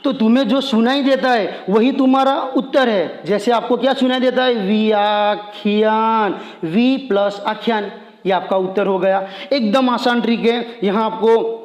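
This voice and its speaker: A man teaching grammar step by step, speaking straight to the student in a plain way. He draws example words out in slow motion, then says them quickly. His voice is on the high side, and the room rings with a long echo. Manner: direct and plain, addressing the learner. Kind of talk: explaining a Hindi grammar lesson. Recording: echoey room with long reverb.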